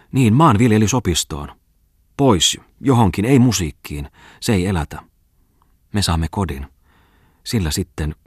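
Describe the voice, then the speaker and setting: A man's voice: low-pitched, slightly rough, no room sound, clean studio sound. A man reading a novel aloud as an audiobook narrator, voicing the dialogue within his narration. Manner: even literary reading with quoted dialogue. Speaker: audiobook reader. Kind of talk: scripted narration.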